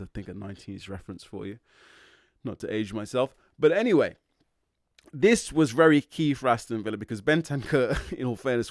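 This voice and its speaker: A man in his thirties gives a casual, opinionated football breakdown, wry and full of ums. His voice sits a little low and sounds smooth and resonant. It is recorded close and dry, with no room sound. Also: no room sound. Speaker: football podcast host. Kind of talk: casual match analysis monologue.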